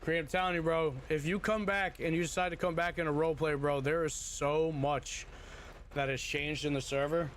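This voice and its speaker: A man talks to his stream viewers in a loose, slangy, relaxed way, his voice sitting a bit on the high side. He is heard close up through a livestream headset microphone, with a faint hiss underneath. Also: normal speed. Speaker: livestreamer in a roleplay game. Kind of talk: casual chat to stream viewers.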